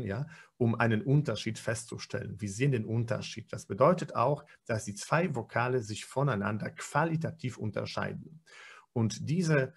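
A man in his forties, with a mid-range, creaky, husky voice, trains listeners in pronunciation through an online lecture over a webcam. He explains with frequent fillers and corrects himself often.

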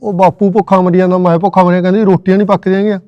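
A man playing a stingy husband who complains rapidly in a comic web series. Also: sits high, little pitch movement, smooth, no echo. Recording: dry, muffled lo-fi phone audio.

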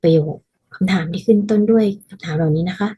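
A woman teaching a casual language lesson, patiently explaining and repeating phrases slowly so learners can practice. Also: fairly low pitch, dark tone, breathy edge, muffled recording.

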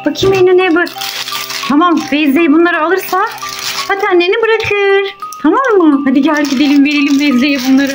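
A mother narrating toy play in an animated way, urging and hurrying along with excited calls. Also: very high voice, brisk. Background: music.

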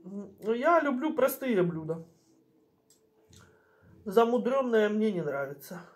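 A middle-aged woman chatting casually in short phrases with pauses as she eats, chewing while she talks, recorded in a home kitchen. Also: medium pitch, animated. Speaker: mukbang vlogger. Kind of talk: casual chat while eating. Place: small home kitchen, indoors. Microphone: camera on the table at arm's length.

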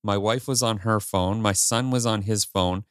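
Candid lowish-voiced male podcast host. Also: normal speed, fairly bright tone, clean tone, no room sound, studio quality. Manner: candid, rambling with restarts and swearing. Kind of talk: casual chat.

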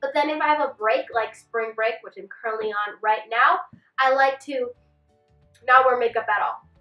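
This casual tips vlog features a young beauty vlogger whose voice sits on the high side at a moderate pace. She's chatty and gestures a lot while seated, a bit congested from a cold, with a slight retainer lisp. Recorded in a small bedroom set with a clothes rack, the audio is dull and roomy from a slightly distant camera mic, faint music behind.

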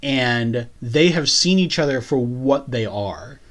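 A podcast co-host in casual conversation, explaining scenes and song meanings in a thoughtful, measured way. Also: medium pitch, lively intonation, fairly bright tone. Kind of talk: casual chat recapping a TV episode.

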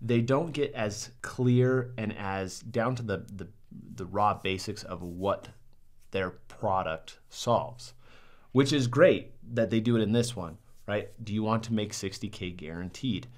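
A man's voice: on the low side, a little slow. A young man sitting at a desk in a small studio, casually critiquing ads to the camera in an upbeat way, with lots of "um"s. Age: young adult. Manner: upbeat, many "um"s and "right?". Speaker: marketing reviewer.

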